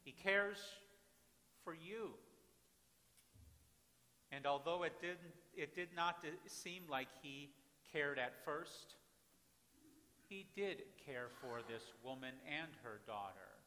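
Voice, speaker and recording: Male pastor, slow and dramatic from hush to loud, reverberant sanctuary. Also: fairly high pitch, lively intonation. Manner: dramatic preaching, swings from hushed to loud. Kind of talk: sermon. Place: church sanctuary with congregation. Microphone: far camera at back of church. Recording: reverberant church from far off.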